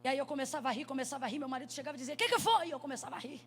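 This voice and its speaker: High-voiced woman preaching with fervor. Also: racing, slight background noise. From Brazil. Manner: animated storytelling, rising to shouts. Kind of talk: sermon. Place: church conference stage.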